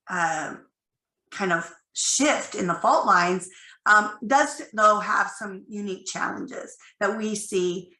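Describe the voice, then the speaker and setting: A woman speaking on a panel, her voice croaky from a cold, talking in a loose, chatty way. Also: medium pitch, bright, forceful tone, echoey room, poor audio. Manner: loose and chatty, thinking aloud. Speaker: panel speaker, company CEO. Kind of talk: conversational panel presentation.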